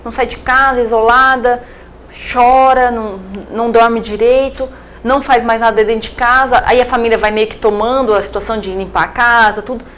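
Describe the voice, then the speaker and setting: A woman's voice: fairly high pitch, fairly even intonation, brisk, a bit bright, slight background noise, low-quality recording. A young Brazilian woman psychiatrist talking in an interview, explaining in a chatty way with everyday examples and many fillers. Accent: Brazilian Portuguese. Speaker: psychiatrist guest. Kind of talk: casual interview talk.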